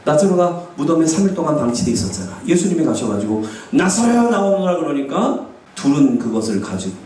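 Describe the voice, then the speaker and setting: A man's voice: mid-range voice, expressive, fast talker, mellow. A male pastor preaching a sermon, asking the congregation questions and acting out quoted speech. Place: church sanctuary. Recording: echoey church hall, distant mic.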